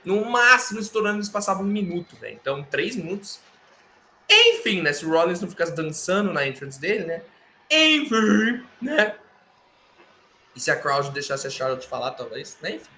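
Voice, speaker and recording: A man with a Brazilian Portuguese accent co-hosting a podcast, retelling events in animated casual chat full of slang and fillers. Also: high voice, moderate pace, a little hiss or hum. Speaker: podcast co-host. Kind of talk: casual wrestling recap chat.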